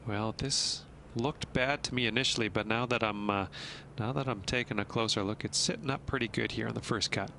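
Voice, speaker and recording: A man's voice: on the low side, fairly even intonation, fairly quick, vocal fry, bright, forceful tone, slight background noise. A man performing as a considered on-course golf reporter giving commentary in a video game.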